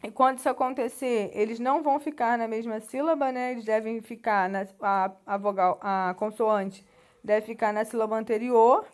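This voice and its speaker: Brief: Brazilian woman teacher, high voice, patient textbook walkthrough. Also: normal speed. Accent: Brazilian Portuguese. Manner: patient, explanatory, with frequent "né" tags and restarts. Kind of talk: classroom lesson walking through a textbook.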